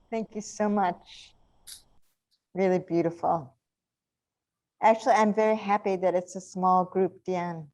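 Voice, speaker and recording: A woman's voice: fairly low pitch, darkish tone. A woman who is not a native English speaker, opening a talk as a guest artist in an easygoing, chatty way. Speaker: guest artist and workshop leader. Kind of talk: relaxed informal talk.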